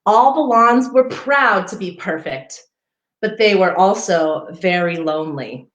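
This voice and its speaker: A parks foundation outreach coordinator hosts a read-aloud children's story time, reading in a slow, lilting, medium-pitched voice. She is expressive and pauses to point out pictures to young listeners. The livestream audio is roomy, echoey, and muffled.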